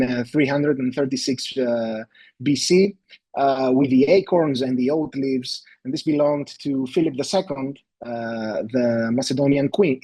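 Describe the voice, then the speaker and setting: A man's voice: medium pitch, a little mellow, breathy edge, no echo. A man, presenting a live webinar as an endodontist, hesitant and full of fillers and restarts. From Greece.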